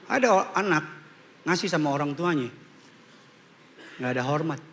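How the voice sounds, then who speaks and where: A man preaching a humorous, animated sermon to a congregation in church, slipping English phrases into his talk. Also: a little high, normal speed, a little hiss or hum. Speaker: pastor.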